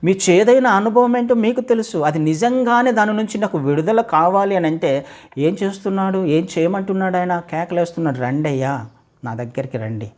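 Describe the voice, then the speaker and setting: A man preaching a sermon who asks his listeners questions, repeats phrases in building series, and swings between loud calls and low, slow stretches. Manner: asks rhetorical questions, addresses listeners directly.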